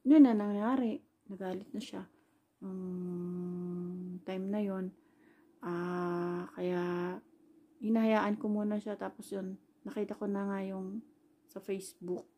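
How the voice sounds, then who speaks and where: Taking it slowly and pausing often, a Filipino caregiver vlogger working abroad tells a personal story in a steady, medium-pitched voice with a dark, slightly rough tone. Her telling is rambling and casual, sprinkled with fillers like "ayan," and she retells quoted dialogue.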